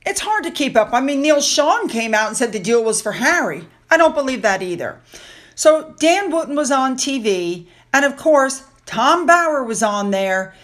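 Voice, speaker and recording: A woman's voice: high voice, big pitch swings, normal speed. A woman talking casually over photos in a chatty, gossipy commentary with sighing asides. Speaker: royal news vlogger.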